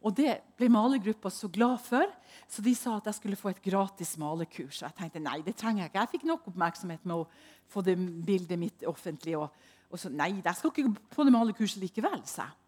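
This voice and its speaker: A woman preaching in a testimony style, telling stories with loud emphasis and hushed, whispered asides. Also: fairly low pitch, slightly rough. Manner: animated storytelling, swings between loud emphasis and hushed whispers.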